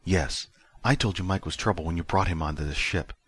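A man's voice: low-pitched, fairly quick, fairly bright tone, husky. A man voicing a blunt, matter-of-fact woman who leads a spaceship crew. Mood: blunt, stern. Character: blunt, stern female spaceship crew leader.

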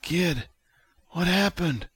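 A man's voice: sits high, expressive, slow pace, fairly bright tone, husky, no room sound, voice pushed up, exaggerated voice. A man voicing a badly injured male ship captain who talks weakly and breathlessly. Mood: weak, dazed. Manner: weak, strained and breathless.

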